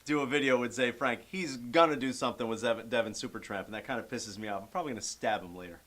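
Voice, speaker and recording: A man's voice: medium pitch, fast, fairly bright tone. A man co-hosting a podcast who throws in blunt, wisecracking one-liners during a casual chat. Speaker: podcast co-host.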